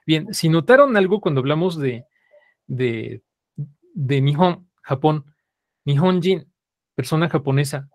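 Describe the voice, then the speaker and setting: A man's voice: on the high side, dry recording, clean studio sound. A man teaching a live language class, repeating students' answers and saying "ajá" constantly.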